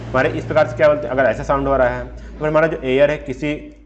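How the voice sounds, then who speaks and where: A man's voice: medium pitch, steady tone, fast talker, a little hiss or hum. Man, teacher, revision lecture, reads definitions then explains them simply, answers his own questions, slightly dull recording. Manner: explains while reading English definitions from slides, then restates them plainly; asks himself rhetorical questions and answers them.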